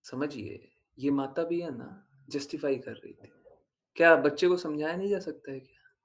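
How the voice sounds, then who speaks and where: Man, spiritual teacher addressing followers; earnest and explanatory, a touch higher-pitched than most men. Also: normal speed. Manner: earnest, explanatory, repeats points for emphasis. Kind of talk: devotional talk to followers.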